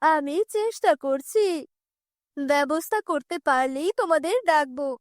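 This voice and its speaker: A woman's voice: high voice, expressive, a little slow, dry recording, studio quality. A woman voicing a nervous male sorcerer in a cartoon who speaks in a worried, pleading way. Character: anxious male tantrik sorcerer.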